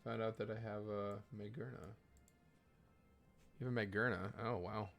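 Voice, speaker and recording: A man's voice: fairly low pitch, steady tone, moderate pace, vocal fry, a bit bright, soft background music. A man streaming a video game, chatting casually and rambling, often correcting himself mid-sentence. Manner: rambling, self-correcting, laid-back. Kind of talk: casual live-stream chat while trading in a game.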